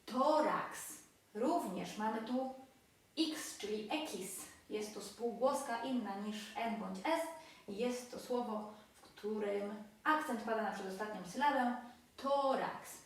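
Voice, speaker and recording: A woman teaching a language lesson, explaining slowly and stressing each example word. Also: mid-range voice, recorded from a distance. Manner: slow, deliberate explaining with emphatic example words. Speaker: Spanish teacher. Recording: very echoey room, voice from afar.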